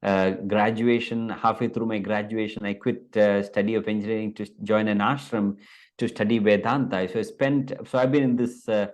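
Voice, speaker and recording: A man's voice: on the low side, flat delivery, normal speed, a little mellow. A man in his fifties, from India, a Vedanta teacher speaking in an interview over a video call, hesitant and full of fillers and restarts.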